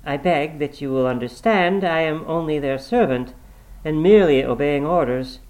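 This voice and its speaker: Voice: mid-range voice, normal speed, darkish tone, voice pushed up, lightly acted, rough recording. A narrator voicing a formal, apologetic male company messenger in a story, stiff and deferential.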